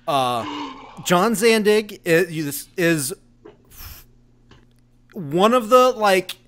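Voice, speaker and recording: A podcast co-host who rambles along with fillers, laughing often. His voice is a little high and bounces up and down. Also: lively intonation, very slow, a bit bright, a little hiss or hum. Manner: giggly, rambling with many fillers. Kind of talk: casual debate.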